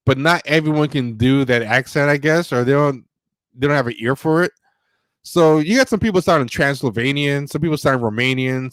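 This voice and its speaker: A podcast host runs a casual livestream, reviewing movies in a rambling, opinionated style full of fillers and restarts. His mid-range voice has no echo, and he reads viewer donations aloud.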